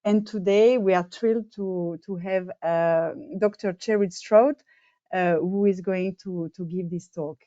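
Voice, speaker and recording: A woman's voice: fairly low pitch, fairly even intonation, a little slow, dark tone, dry recording. A woman hosting an online meeting, hesitant with many fillers. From Belgium. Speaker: meeting host, co-chair. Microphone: video call. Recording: dull, dry video call audio.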